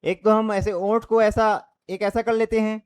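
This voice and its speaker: His voice is high, smooth and fairly flat in pitch, delivered at normal speed. The young man leads an online Hindi grammar class, explaining things one step at a time with frequent checks and voicing the vowel sounds himself.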